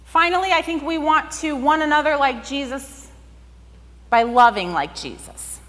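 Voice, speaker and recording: A woman's voice: sits high, normal speed, a bit bright. A woman pastor giving a sermon in a conversational way, often saying "like". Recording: long hall reverb.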